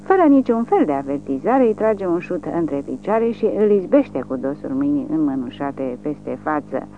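A woman narrates an audiobook in a steady, fairly low voice. The recording is thin and phone-like, with a faint hum underneath.

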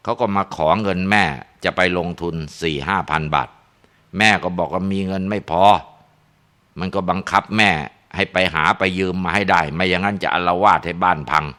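Deep, bright-toned male storyteller. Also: moderate pace, clear, resonant tone. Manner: relaxed, with frequent tag particles and filler sounds. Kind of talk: spoken ghost story narration.

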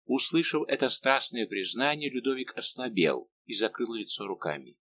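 A man's voice: medium pitch, big pitch swings, normal speed, pushed and bright, slight background noise. Man narrating a classic adventure novel. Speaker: audiobook narrator. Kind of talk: scripted narration.

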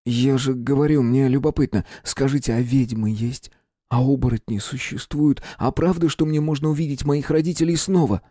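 A man's voice: mid-range voice, moderate pace, mellow, no echo, studio quality, pitched above the performer's own voice, natural voice. A man voicing a polite, curious young boy in an audiobook, asking hesitant questions. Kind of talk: audiobook character voice.

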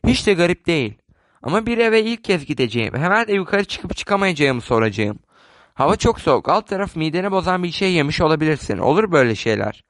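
A polite, chatty elderly spinster, kindly on the surface but sharp underneath, read aloud by a man. The voice sits a touch high with a dry, close sound and no room around it. A storybook reading paced calmly. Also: fast, no room sound. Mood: gentle. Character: elderly English spinster woman, gentle and shrewd.

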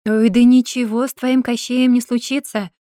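A woman's voice: fairly high pitch, little pitch movement, moderate pace, mellow, no room sound, studio quality, natural voice. A woman voicing a cheerful, crafty old witch who talks in a folksy, grandmotherly way. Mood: indignant. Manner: folksy, chatty, bursts into indignation.

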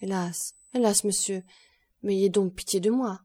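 A woman voicing a passionate, grief-stricken young man who speaks louder and faster. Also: medium pitch, lightly acted. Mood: pleading. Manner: impassioned, louder and quicker.

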